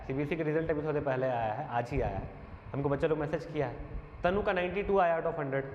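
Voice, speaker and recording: Speaking as a teacher, a man with a fairly high voice defends himself in a monologue, earnest and aggrieved as he makes one point after another. The room sounds echoey and dull, with a long reverb tail and a faint hiss underneath.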